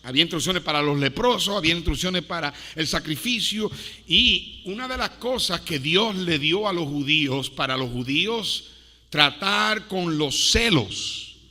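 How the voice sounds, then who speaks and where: A man preaching a sermon to a congregation, with dramatic swings between hushed and loud delivery and playful asides to his listeners. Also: fairly high pitch, animated, measured pace. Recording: long hall reverb.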